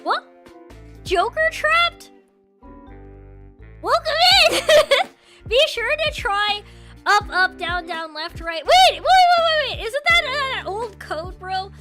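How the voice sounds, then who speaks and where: A woman streamer chatting casually with viewers in a cute, playful anime-streamer manner, jumping between excited squeals, loud shouts and quieter muttering. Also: very high voice, slow, pauses often, over loud music. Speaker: streamer and host of a live stream.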